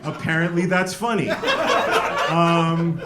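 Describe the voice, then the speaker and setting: Speaking slowly in a fairly high voice with wildly swooping pitch, a middle-aged stand-up comedian addresses the crowd in a dry, self-deprecating, chatty manner. The setting is a comedy club stage with a laughing audience, recorded with roomy club sound and a very noisy, loud background.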